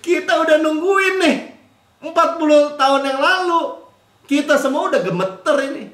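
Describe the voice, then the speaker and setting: A male pastor preaches an animated sermon, jumping between loud mocking impressions and quiet asides. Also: very high voice, normal speed, reverberant. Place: church.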